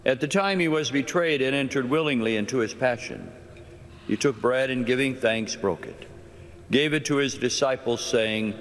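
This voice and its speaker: Priest intoning with cathedral echo. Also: male voice, medium pitch, a bit bright. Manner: slow, measured, intoning. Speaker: priest celebrating Mass. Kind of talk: solemn liturgical prayer. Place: large cathedral, indoors. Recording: long reverb in a large cathedral.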